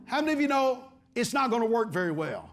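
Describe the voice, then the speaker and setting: Man, middle-aged, very high voice, pastor preaching, calls for amens. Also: sing-song, quick pace, fairly bright tone, soft background music. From Texas. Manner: call-and-response preaching, repeating phrases and asking for amens. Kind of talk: sermon. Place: large church stage before a congregation.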